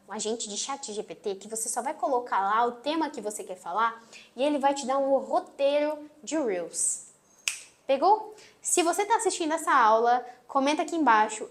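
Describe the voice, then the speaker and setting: Sweet-voiced Brazilian woman teaching. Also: a little high. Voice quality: sweet, gentle voice. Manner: emphatic, closes phrases firmly. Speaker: marketing instructor. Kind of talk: online course lesson. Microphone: phone on tripod.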